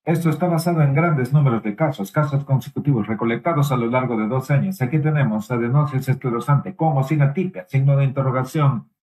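A man giving a simultaneous interpretation of a medical lecture, halting at times with pauses, fillers and restarts. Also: mid-range voice, a little mellow, rough recording.

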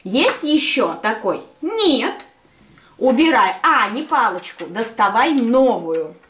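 A young woman speech therapist leading a playful exercise with a small child, over-enunciating in sing-song, drawn-out, repeated short phrases. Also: on the high side, big pitch swings, a bit bright. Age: young adult. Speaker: speech therapist teaching a toddler. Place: small furnished children's room, indoors. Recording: roomy echo, clear background noise and clicks.

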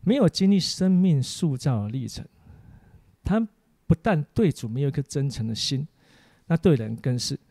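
A man, a preacher giving a teaching sermon for an online course, full of animated stories about his family. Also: mid-range voice, moderate pace, breathy edge, dry recording.

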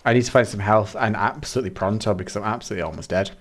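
A man with a Mancunian accent, streaming a game and chatting to his viewers, excitable and dramatic, jumping from squeals to mutters. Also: on the low side, rapid-fire, a little hiss or hum. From Manchester, England. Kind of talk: casual game streaming chat.

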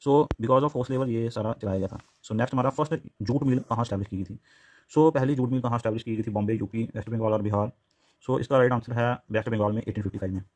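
A man's voice: mid-range voice, a little mellow, husky. A man teaching exam-prep quiz answers over handwritten notes, mixing Hindi and English and often restarting and repeating names. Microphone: phone camera over notebook, speaker off screen.

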